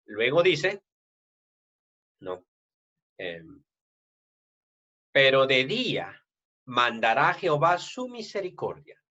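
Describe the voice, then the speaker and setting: A man's voice: medium pitch, sharp tone, lo-fi sound. A man preaching a sermon in a conversational way, with frequent tag questions and restarts, and a Latin American Spanish accent.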